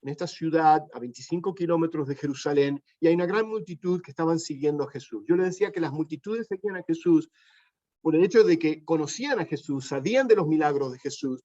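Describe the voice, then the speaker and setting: A man preaching a sermon, teaching in a plain conversational way with many pauses and restarts, often asking the congregation questions. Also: a little high, darkish tone, lo-fi sound.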